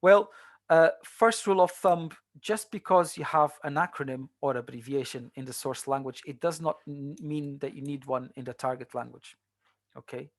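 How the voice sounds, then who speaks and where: A man's voice: fairly high pitch, moderate pace, no echo, clean studio sound. A man tutoring translation students in a seminar, talking in a conversational way with many fillers and restarts. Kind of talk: online seminar lecture.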